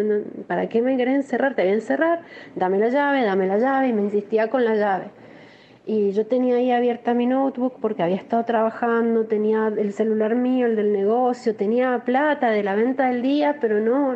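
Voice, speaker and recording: A woman with a Rioplatense Spanish accent gives a shaken, halting first-person testimony, often restarting her sentences. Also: a little high, dull audio, a little hiss or hum. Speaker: interviewee recounting an assault.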